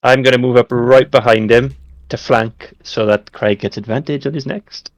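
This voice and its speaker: A man's voice: medium pitch, fairly even intonation, normal speed. A man talking casually as a player in a tabletop role-playing game.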